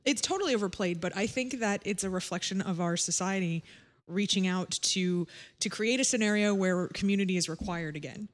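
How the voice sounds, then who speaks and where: A woman's voice: medium pitch, fairly quick. Playful woman chatting on a podcast. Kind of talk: casual chat.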